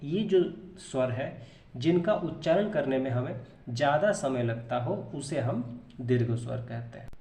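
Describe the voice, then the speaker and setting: A man's voice: medium pitch, lively intonation, a little slow, gravelly, dark tone, echoey room. A man teaching a grammar lesson, explaining patiently, repeating terms and answering his own questions.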